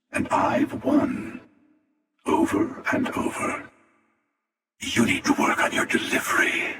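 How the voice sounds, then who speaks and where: A man voicing a smug, menacing, world-weary hunter from a video game, with a breathy rasp and sardonic, deliberate delivery. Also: fairly low pitch, a bit bright, exaggerated voice. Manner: sardonic, deliberate, drawling taunts. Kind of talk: video game character voice acting. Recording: echoing, long reverb, distant.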